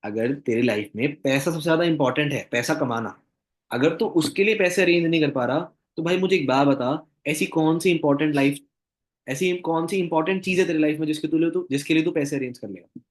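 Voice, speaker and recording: A young man coaches recruits in a casual, emphatic way, with a slightly high voice. He repeats lines for stress and plays both sides of a sales talk. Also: brisk. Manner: acts out both sides of dialogues, addresses viewers as "bhai". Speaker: network marketing trainer. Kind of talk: casual motivational training talk.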